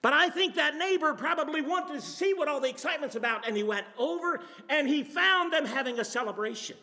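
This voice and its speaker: Animated sermon storyteller, man, bright and expressive, in a reverberant church hall. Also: brisk. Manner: storytelling, dramatic shifts in pitch and pace. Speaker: preacher.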